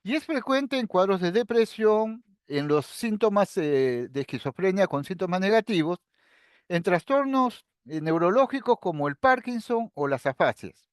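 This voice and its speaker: Middle-aged guy lecturing, high voice, dry close sound, calm step by step explaining. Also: moderate pace, dry recording. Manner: explains calmly and step by step, addressing students directly. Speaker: psychiatry lecturer. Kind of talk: recorded lecture.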